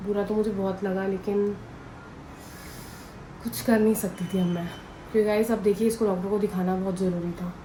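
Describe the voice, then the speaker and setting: A woman's voice: medium pitch, steady tone, normal speed, long pauses, warm tone. Young woman vlogger, chatty and rambling, noisy room. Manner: chatty, rambling, talks straight to viewers. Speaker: family vlogger. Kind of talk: casual vlog chat to viewers. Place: home.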